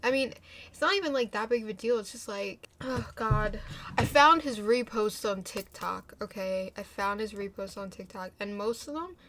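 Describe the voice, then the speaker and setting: A woman's voice: medium pitch, normal speed, background noise. A young woman in her twenties with a stuffy nose from a cold, ranting frankly to her camera in a casual vlog, rambling and mocking herself. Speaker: vlogger.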